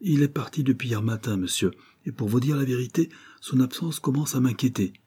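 A man voicing a stout, red-faced boatman's wife, worried and talkative, raising his pitch for her. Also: a little fast, warm tone, breathy edge, close to an everyday voice. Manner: fretful, talkative, pleading. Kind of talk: audiobook character reading.

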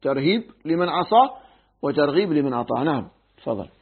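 A man teaching a Quran commentary lesson, measured and pausing to check readings. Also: on the high side, lively intonation, breathy edge. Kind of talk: tafsir lesson. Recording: tinny phone-like recording.

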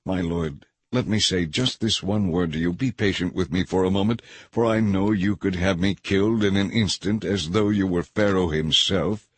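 A man's voice: low voice, normal speed, hardly any pauses, breathy edge, no room sound. A man doing a desperate pleading brother.

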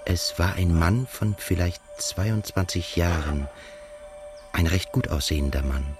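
Over music, a man with a low voice and steady tone performs the haunted, melancholy émigré narrator of a literary radio drama. He speaks in a measured, reflective way, and the mood is somber.

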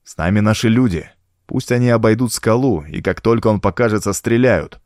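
A man's voice: on the low side, fairly quick, darkish tone, dry recording, clean studio sound, natural voice. A man voicing a cool-headed male pirate officer in an audiobook, terse and commanding. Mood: planning.

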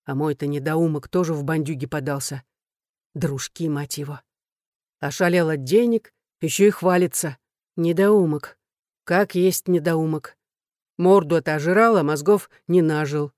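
Storybook bit: narrator plays a coarse grumbler woman, dark voice, dry close sound. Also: deep voice, unhurried, no room sound. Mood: grumbling.

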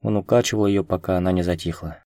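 A man narrating a romance audiobook in a calm, even reading voice. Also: deep voice, quick pace, no echo, clean studio sound.

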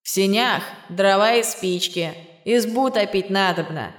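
A woman voicing a drawling priest in distant flashback echo. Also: mid-range voice. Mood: instructive. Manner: slow drawling instruction. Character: drawling village priest, man, remembered. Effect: echoing flashback reverb on a remembered voice. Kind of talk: audiobook reading. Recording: long hall reverb.

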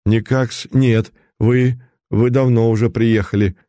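A man voicing an excitable, frightened baron in an audiobook reading. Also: medium pitch, dry recording, studio quality, pitched above the performer's own voice, lightly acted. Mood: agitated. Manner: agitated, quick and fearful.

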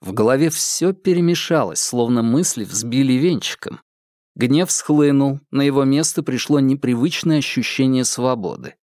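A man's voice: medium pitch, moderate pace, a little mellow, dry recording, clean studio sound. A man reading a novel aloud as an audiobook narrator. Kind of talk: scripted narration.

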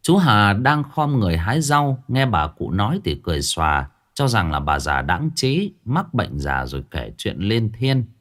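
A man's voice: fairly low pitch, sing-song, normal speed, few pauses, a bit bright. A man narrating a ghost story in a folksy storytelling manner.

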